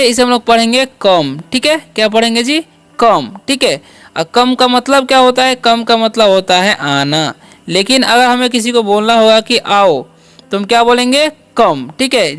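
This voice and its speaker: A man's voice: high voice, fairly bright tone, clean tone, no echo. A man teaching basic English words, often repeating questions to his students. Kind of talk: spoken English lesson.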